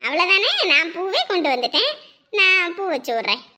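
Woman as chatty mother-in-law, very high bright voice. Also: sing-song, fairly quick, heavily acted. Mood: cheerful. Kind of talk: family drama acting.

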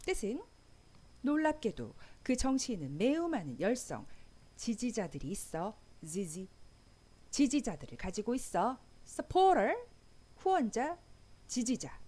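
A woman teaching English vocabulary, reading example sentences slowly and clearly. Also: a little high, big pitch swings, warm tone. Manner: slow, carefully enunciated example sentences. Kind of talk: language lesson. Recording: faint background music.

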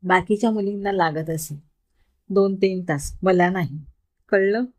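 A woman voicing a playful young woman who teases her friend in lively story dialogue. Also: mid-range voice, measured pace, close to an everyday voice. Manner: lively, teasing banter.

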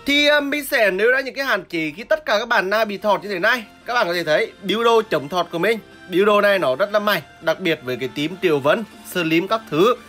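A woman's voice: medium pitch, expressive, a little fast, hardly any pauses, fairly bright tone, faint music behind. A woman giving live gameplay commentary, explaining her strategy and crying out and repeating words during fights. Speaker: gameplay streamer.

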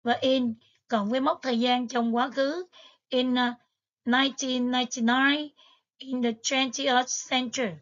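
A woman's voice: high-pitched, fairly even intonation, unhurried, fairly bright tone, lo-fi sound. A woman teacher, patiently going over exam material step by step with frequent fillers. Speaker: English teacher. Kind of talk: exam review lesson.

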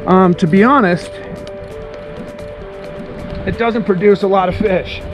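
Fishing vlogger, man in his 30s, high and easygoing, chatty on a camera outdoors with loud music under it. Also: fairly even intonation, takes it slowly. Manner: easygoing, chatty, explains as he goes. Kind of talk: casual outdoor vlog. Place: rocky ocean jetty outdoors. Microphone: action camera. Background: music under the talk.

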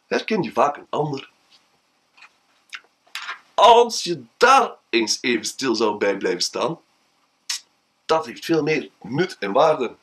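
A man telling an anecdote theatrically, with drawn-out, dramatic pauses. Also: high voice, sharp tone, low-quality recording. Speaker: storyteller. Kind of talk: told anecdote with a moral.

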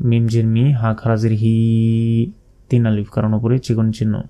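A man with a Bangladeshi accent teaching recitation, spelling out each letter slowly and deliberately, then drawing out the recited phrases. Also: on the low side, monotone, dark tone.

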